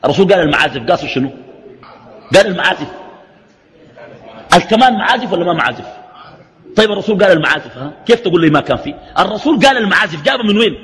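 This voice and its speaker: High, animated Sudanese preacher. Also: male voice, very fast, long pauses. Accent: Sudanese Arabic. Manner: argues with a stream of rhetorical questions. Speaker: religious teacher. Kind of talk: religious lesson. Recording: echoey hall reverb.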